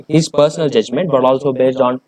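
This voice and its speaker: A man's voice: medium pitch, steady tone, brisk, darkish tone, poor audio. A man reading a research paper aloud and explaining it, hesitant, with many fillers and restarts.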